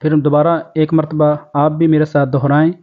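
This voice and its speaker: A Pakistani man teaching Quran recitation, his voice high and smoothly resonant. He chants each verse slowly and melodically, then explains the pronunciation rules in quick speech. The recording sounds dull and lo-fi. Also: level tone. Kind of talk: tajweed lesson, slow recitation and quick explanation.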